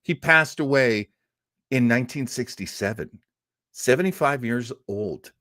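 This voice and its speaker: A man hosts an informal, unscripted show on film history, rambling along as an enthusiastic storyteller; he's the host of an old radio and film show. His medium-pitched voice is animated and sharp at a measured pace, recorded with clean, echo-free studio sound.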